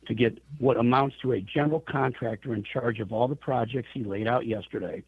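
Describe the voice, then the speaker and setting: Heard on a dry recording through a tinny, narrow phone line, a man with a husky, mid-range voice talks fairly quickly. He heads an airline trade association and appears as a radio interview guest, delivering advocacy answers emphatically with pointed rhetorical questions.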